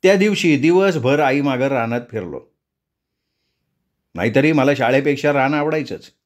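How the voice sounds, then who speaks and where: A man narrating a story in a folksy rural dialect, recounting events at a measured pace. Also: medium pitch, animated.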